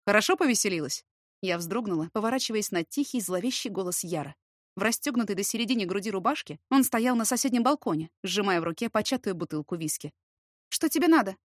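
A woman reading a novel aloud as a first-person narrator, steady and expressive. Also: medium pitch, fast, no room sound, studio quality. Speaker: audiobook narrator.

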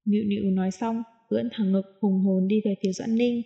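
A woman narrating a novel as an audiobook reader, reading in a steady, even way. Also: medium pitch, fairly quick, vocal fry, dull audio. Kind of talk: scripted narration.

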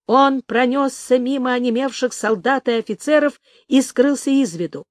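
A woman narrating a novel as an audiobook, in a measured, expressive reading. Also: high-pitched, no room sound, studio quality. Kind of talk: scripted narration.

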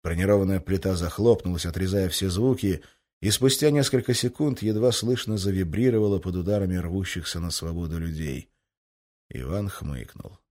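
Male narrator, fairly low voice, audiobook reading, brisk, tense. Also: a little mellow. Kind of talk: scripted narration.

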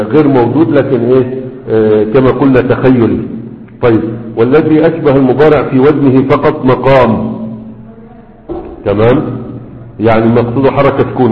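A man with an Egyptian Arabic accent teaching a grammar class, explaining step by step and checking that his students follow. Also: medium pitch. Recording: tinny lo-fi recording in an echoey hall.

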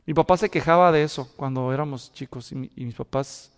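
A man preaching a sermon as pastor, telling lively stories and asking his listeners rhetorical questions. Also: mid-range voice, a little fast, smooth. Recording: long reverb of a hall.

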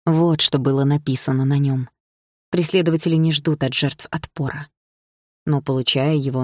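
A woman reading a first-person audiobook in a calm, measured, expressive way. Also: sits low, dry recording, clean studio sound. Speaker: audiobook narrator.

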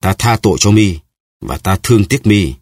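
Man reading young swordsman, earnest, anguished, low husky voice. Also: lively intonation, moderate pace, no room sound, studio quality.

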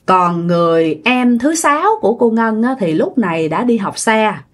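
A woman's voice: mid-range voice, lively intonation, normal speed. A woman telling a ghost story in a chatty way, often addressing her listeners directly. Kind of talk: casual ghost-story narration.

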